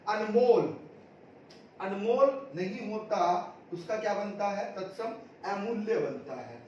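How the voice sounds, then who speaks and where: A man's voice: high voice, animated, slow pace, a little mellow, a little hiss or hum. A man teaching an exam-prep grammar lesson, drilling students with repeated questions and answers. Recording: echoey room, distant mic, dull sound.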